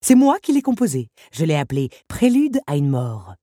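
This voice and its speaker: A woman's voice: sits low, sing-song, moderate pace, warm tone, no echo, studio quality. A sneering automaton villain, as a woman reads him. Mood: sinister. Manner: sneering, taunting. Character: cruel mocking male automaton musician, villain. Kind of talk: audiobook character reading.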